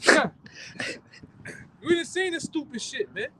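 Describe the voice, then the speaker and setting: A man, street preaching outdoors in a forceful, repetitive, profane way that keeps ending phrases with "man". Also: extremely high pitch, lively intonation, measured pace, slight background noise, low-quality recording. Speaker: street preacher leading the camp.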